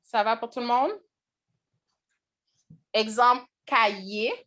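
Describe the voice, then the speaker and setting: A woman leads a classroom lesson on vowel sounds at a slow, deliberate pace. She keeps stopping to ask whether everyone is following. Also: fairly high pitch, steady tone, pushed and bright. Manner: slow, checks in with the class often. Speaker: language teacher.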